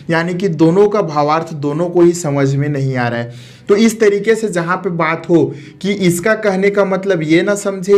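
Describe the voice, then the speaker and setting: A man teaching a grammar lesson, explaining terms step by step, repeating key words and asking rhetorical questions before answering them. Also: high-pitched.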